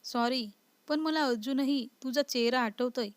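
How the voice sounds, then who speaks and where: Voicing a mischievous young husband who won't stop needling his wife, a female reader sounds light, mocking and a bit high. Her clear, resonant voice moves a little slowly, close and dry with no room sound, all in a teasing mood.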